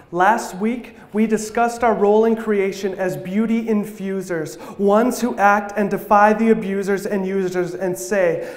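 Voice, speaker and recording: A man with a high voice delivers a sermon as slam poetry, his lines landing in rhythmic, rhyming bursts. He speaks to a congregation in a church hall. The sound carries a noticeable echo from the room. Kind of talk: spoken word poetry sermon.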